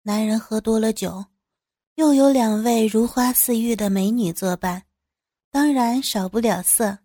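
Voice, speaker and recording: A woman narrating a first-person adult audio story in a lively, sly, expressive way. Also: a little high, a little slow, no room sound, studio quality.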